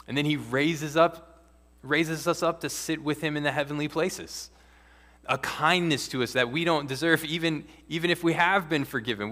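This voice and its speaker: A man preaching a sermon as pastor, earnest and measured, with occasional restarts. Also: medium pitch, bright, forceful tone. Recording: long hall reverb.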